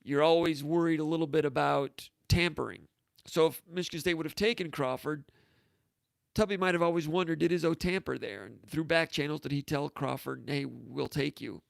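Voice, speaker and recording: A man's voice: fairly high pitch, creaky, no room sound. A man hosting a casual sports talk show, telling stories in a rambling, anecdotal way, with frequent restarts. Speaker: host.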